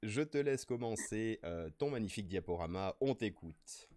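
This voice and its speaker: Streamer host: French man, deep-ish, bouncy and excitable, dry close-mic sound. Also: moderate pace, no echo. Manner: playful, excitable, reads chat aloud. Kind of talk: casual live-stream chat.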